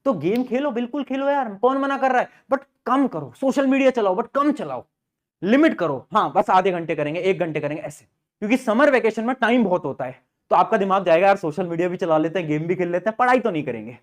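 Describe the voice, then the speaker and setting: A man's voice: sits high, expressive, fairly quick. A young man giving motivational study advice to students, putting questions to them and answering them himself. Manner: talks directly to students, answers his own questions. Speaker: study guidance youtuber.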